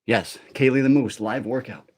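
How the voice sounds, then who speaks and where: A middle-aged man hosts a live workout stream, chatting casually and rambling to his viewers. His voice sits at a medium pitch and moves at a moderate pace.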